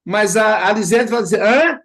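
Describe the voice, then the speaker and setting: A man's voice: sits high, normal speed. A man hosting a study group, explaining in a casual teaching talk and livening it up with playful imitations. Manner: animated storytelling with playful imitations.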